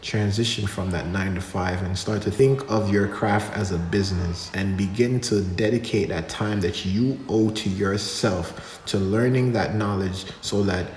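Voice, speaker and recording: A deep-voiced man with a Jamaican accent speaks in a casual, motivational vlog. He talks earnestly, with filler words here and there. The room echoes, with a long reverb tail and faint ambience behind him. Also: fairly even intonation, normal speed, few pauses, darkish tone, a little hiss or hum. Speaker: vlogger and dancer. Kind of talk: casual reflective vlog talk.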